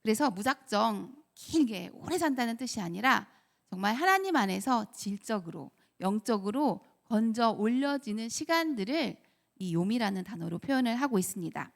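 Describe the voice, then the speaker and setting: A woman's voice: on the high side, expressive, normal speed, creaky. A woman preacher giving a sermon, telling stories and asking the congregation rhetorical questions. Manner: acts out quoted children's voices.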